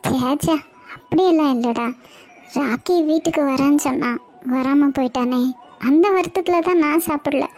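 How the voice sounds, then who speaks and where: A soft-spoken, caring mother figure from a cartoon web series, voiced by a woman. Her high voice reassures the family. Faint music plays underneath. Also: normal speed. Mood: soothing. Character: older woman, gentle caring mother and aunt.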